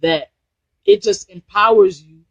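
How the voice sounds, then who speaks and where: A gravelly, high-sitting voice comes through muffled and echo-free as this New Jersey business trainer talks a bit slowly. Using a Bluetooth headset on a casual live stream, he delivers motivational advice in a rambling way, repeating himself and restarting phrases.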